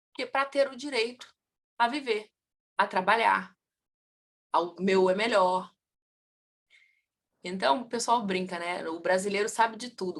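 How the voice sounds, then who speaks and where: Teaching family constellation, a woman fires questions at the class and answers them herself, her voice pitched on the high side. She's animated, and both her volume and her tempo keep rising and falling.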